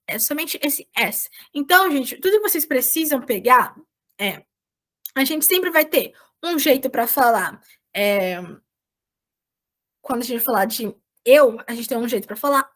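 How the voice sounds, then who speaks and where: High-voiced Brazilian woman teaching online. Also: fairly bright tone. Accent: Brazilian Portuguese. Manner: explains patiently, checks in with "certo?". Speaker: volunteer Spanish teacher. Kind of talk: online class lesson. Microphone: video call.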